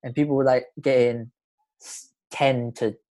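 A man's voice: mid-range voice, level tone, a little slow, dark tone. A man with a London roadman accent hosting a casual podcast chat, talking in informal slang and often repeating himself. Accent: London roadman, urban slang. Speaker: podcast host.

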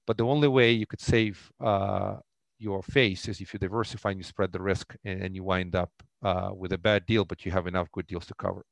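A low, gravelly man with a Russian accent talks about investing as a podcast guest. He speaks haltingly, restarting phrases often. The sound is dry and close. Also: fairly even intonation, no room sound. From former Soviet Union. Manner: halting, many restarts and fillers. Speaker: real estate investor guest. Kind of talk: podcast interview.

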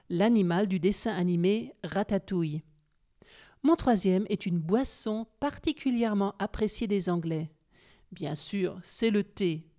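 A woman hosting an educational podcast, reading a scripted lesson in a clear teacherly way and asking the listeners questions. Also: medium pitch, warm tone. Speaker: podcast host.

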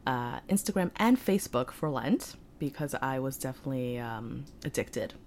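Low-pitched American woman, playful podcast guest. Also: lively intonation, normal speed, darkish tone, a little hiss or hum. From New York and Ohio, United States. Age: 30s. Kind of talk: casual chat.

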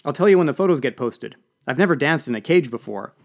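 Guy putting on a high bubbly voice for an excitable young sporty girl. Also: quick pace, lightly acted. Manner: enthusiastic, breezy. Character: bubbly young athletic female intern.

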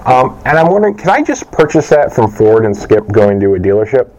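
A man making a casual customer inquiry by telephone, with hesitant, halting phrasing. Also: mid-range voice, sing-song, a little mellow. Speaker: customer calling in. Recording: faintly noisy telephone line.

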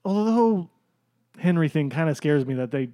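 A man's voice: on the high side, lively intonation, fairly quick, mellow, no echo. A man co-hosting a casual sports betting chat, joking, laughing often and restarting his sentences. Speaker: podcast co-host.

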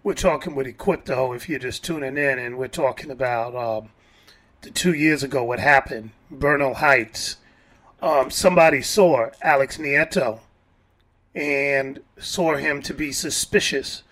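A man hosting a radio interview, asking questions in a measured way with thoughtful pauses. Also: medium pitch, a bit bright. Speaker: radio host.

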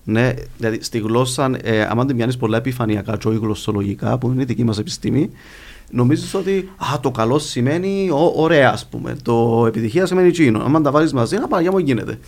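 A man's voice: medium pitch, a little mellow. A man with a Cypriot Greek accent talking conversationally as a guest linguist in an interview, explaining things with examples. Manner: explanatory, illustrates points with examples.

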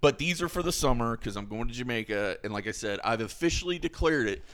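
A man hosting a podcast, telling stories in casual chat with an animated, laughing manner. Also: medium pitch, fast. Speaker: podcast host.

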